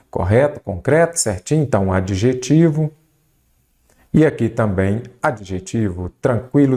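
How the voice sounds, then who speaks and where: A man's voice: mid-range voice, warm tone. A man teaching a grammar lesson for exam prep, asking and answering his own questions and stretching out words. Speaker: Portuguese teacher.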